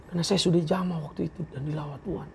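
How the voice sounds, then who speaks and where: A man's voice: a little high, steady tone, rapid-fire, vocal fry, a little hiss or hum. A man giving an earnest, emotional personal testimony as an interview guest, acting out the words of others as he tells it. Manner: earnest, emotional, acts out quoted speech.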